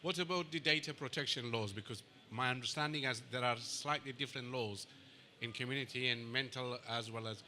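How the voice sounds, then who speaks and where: A man's voice: mid-range voice, brisk, few pauses, sharp tone, a little hiss or hum. A man in a conference audience asking the speaker a question, laying out points in a list.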